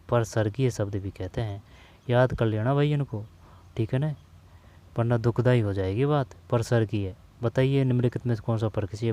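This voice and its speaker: A man's voice: lowish voice, dark tone. A man teaching a Hindi grammar lesson, listing words and repeating them so students memorize them, calling listeners brother. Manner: slow, repeating terms to drill them, addresses students as brother.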